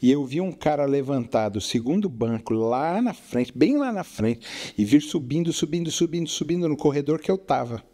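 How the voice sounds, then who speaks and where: A man's voice: on the high side, animated, normal speed, warm tone. A middle-aged man, the father co-hosting, telling a story casually and often checking that his listener follows. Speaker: co-host, father. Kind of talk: casual storytelling chat on faith.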